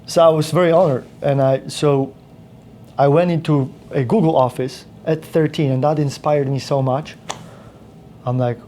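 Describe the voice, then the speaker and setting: A man tells his story in a loose, rambling way, circling back and restarting his sentences. His tone is mellow and dark. A faint hum of room ambience sits underneath. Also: fairly high pitch, steady tone, normal speed. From Poland. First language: Polish. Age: 30s. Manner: rambling with frequent restarts and fillers. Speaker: podcast guest. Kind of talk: casual interview storytelling.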